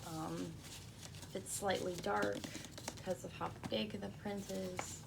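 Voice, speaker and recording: A woman in a soft-spoken ASMR role-play as a librarian, talking in a hushed, gentle library voice with a creaky edge. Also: mid-range voice, fairly even intonation, takes it slowly, noisy background.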